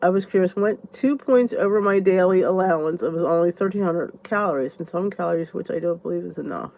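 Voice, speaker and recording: A congested woman with a fairly low, slightly mellow voice talks fairly quickly as she answers viewers in a casual live chat. She's a vlogger who rambles in a chatty manner, thinking out loud.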